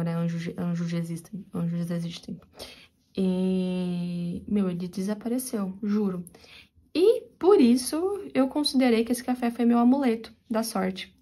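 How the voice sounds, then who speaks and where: Speaking in a mid-range voice with a São Paulo interior accent, a young Brazilian woman crochets for her channel while telling viewers a personal story. Her manner is confiding and animated.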